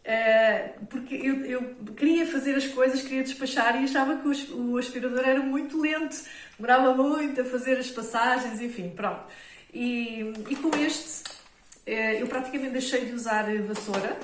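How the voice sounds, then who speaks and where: A woman with a European Portuguese accent who talks casually to her viewers and often checks in with them while showing household products. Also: on the high side. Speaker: home organisation vlogger. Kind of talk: casual product talk to camera. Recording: roomy echo, mic at a distance, faint noise.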